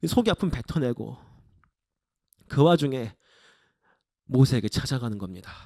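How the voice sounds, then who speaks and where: A man's voice: medium pitch, expressive, normal speed, vocal fry, a little mellow, no room sound, clean studio sound. A man preaching a sermon in a church, retelling a scripture story vividly and acting out its voices. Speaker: evangelist preacher. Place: church sanctuary.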